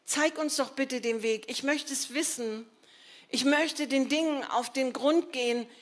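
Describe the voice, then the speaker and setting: A woman's voice: high voice, a little slow. A woman preaching a sermon in an earnest, emphatic, conversational way, with rhetorical asides to the congregation.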